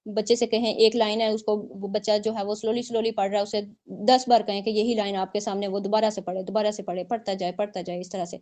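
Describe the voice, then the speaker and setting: A woman's voice: mid-range voice, flat delivery, fast talker, hardly any pauses, a little mellow. A woman teacher, explaining points and checking in often with her online students. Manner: explanatory, repeats points with frequent "theek hai" checks. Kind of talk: online exam-prep lecture.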